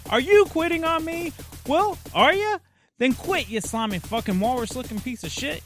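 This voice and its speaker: A man voicing an abusive male drill sergeant who yells insults and orders. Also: extremely high pitch, lively intonation, moderate pace, soft background music, voice pushed up. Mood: barking, furious.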